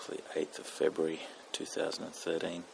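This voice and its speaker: A man vlogging casually outdoors in a snowy front yard, talking in an easygoing, halting way with pauses. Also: very deep voice, monotone, vocal fry, a little hiss or hum, rough recording. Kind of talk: casual chat to camera.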